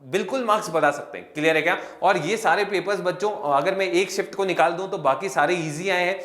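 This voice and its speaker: A chatty young man with a fairly high, fairly bright voice explains exam questions to his students at a brisk pace, in a room that echoes. Like a friendly teacher running a casual lesson, he calls his students kids and keeps stopping to ask "clear hai kya" to check they are following.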